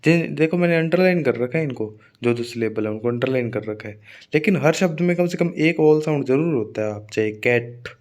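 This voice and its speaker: A man teaching English word stress for an exam, speaking Hindi. He repeats example words slowly and checks in with "theek hai" often, with an occasional cough. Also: medium pitch, a little mellow.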